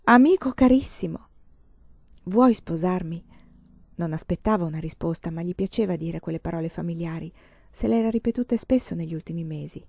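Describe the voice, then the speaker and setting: Calm woman narrating a novel. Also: fairly low pitch, quick pace, gravelly, no echo. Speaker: audiobook reader. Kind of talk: literary audiobook narration. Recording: dull lo-fi, dry.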